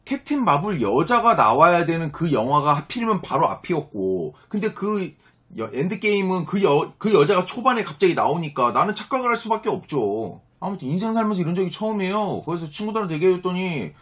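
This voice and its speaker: A man's voice: sits high, big pitch swings, fairly quick, a bit bright, husky. A man in his thirties telling viewers an angry story and acting out both sides of the exchange. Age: 30s. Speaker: vlogger.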